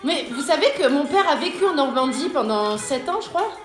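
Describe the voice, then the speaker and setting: A woman's voice: sits high, expressive, brisk. A woman coaching a live home workout, chatty and joking as she gives exercise cues between comments from viewers. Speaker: fitness coach. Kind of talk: live workout coaching while reading chat. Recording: roomy room with music playing. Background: workout music.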